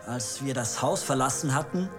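A man's voice: mid-range voice, natural voice. A man playing remorseful disciple James over music. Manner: slow, earnest storytelling. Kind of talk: staged dramatic monologue.

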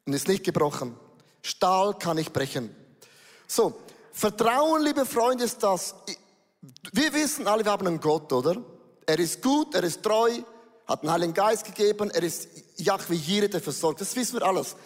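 Man, pastor, lively sermon, English phrases sprinkled in, long hall echo. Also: high voice, normal speed.

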